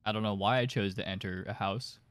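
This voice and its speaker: A young man streaming horror games with live commentary, jumpy and excitable, speaking into a close desk mic. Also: on the low side, brisk, dry recording. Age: young adult. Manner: jumpy, excitable, often yelping and screaming. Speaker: game streamer. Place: small bedroom streaming setup, indoors. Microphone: desk microphone close to the mouth, headphones on. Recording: game sounds and clicks behind voice.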